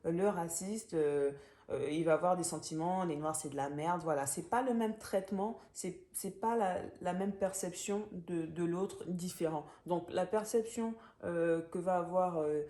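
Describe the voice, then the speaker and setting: A young woman speaks with a Gabonese French accent, her voice low and mellow. She talks through a book review in a casual, hesitant way, full of fillers and restarts. The room around her sounds roomy and echoey. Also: a little slow.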